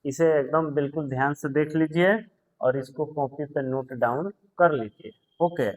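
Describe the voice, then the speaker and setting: A man teaching English grammar in a patient lesson, repeating words, spelling them out and telling students to pause and take notes. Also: a little high, a little mellow, poor audio. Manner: tells students to pause the video and write notes. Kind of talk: slow explanatory grammar lesson.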